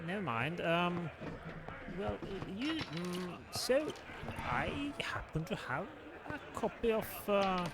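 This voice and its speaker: A man with a high, very animated voice narrates in character as a game-playing storyteller. He is polite, theatrical and hesitant. Game ambience is clearly heard behind him. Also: takes it slowly, heavy background noise.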